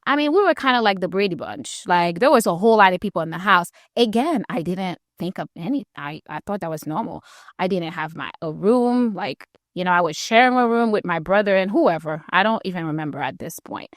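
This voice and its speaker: A woman in her thirties from Haiti, hosting a podcast and telling her own story in a candid, animated, conversational way. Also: lowish voice, fairly quick, dry recording, clean studio sound. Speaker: podcast host.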